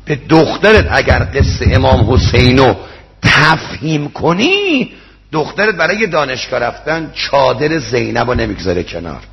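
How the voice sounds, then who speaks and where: Man, preacher, sermon, emotional storytelling, gravelly voice, muffled lo-fi sound. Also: mid-range voice, big pitch swings, a bit bright, slight background noise. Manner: emotional, rising into quoted dialogue. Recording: dull lo-fi recording.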